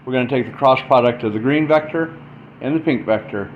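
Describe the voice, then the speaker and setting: Captured on a dull lo-fi mic with faint noise behind him, a man presents an informal math explainer. He speaks briskly at medium pitch, working things out aloud in short, stop-start bursts while demonstrating.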